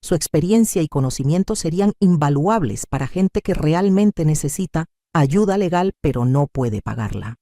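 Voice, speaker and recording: A remorseful male lawyer speaks with respect and earnest humility, as a woman narrator puts him on. His voice is mellow, and his pitch rises and falls in a lively way. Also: normal speed, few pauses, no echo, clean studio sound. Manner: deferential, earnest.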